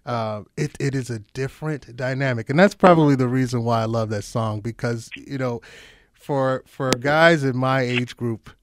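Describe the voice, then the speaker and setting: Guy in his late 40s doing late night radio, smooth playful announcer voice, mid pitch, dry close studio sound. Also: moderate pace, no echo. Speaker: radio host. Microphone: studio microphone.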